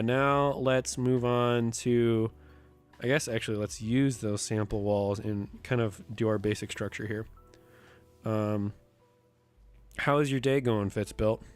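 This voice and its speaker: A man streaming live with a sick, rough voice. He chats casually and thinks aloud as he builds a map, often counting under his breath. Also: fairly low pitch. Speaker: streamer and host.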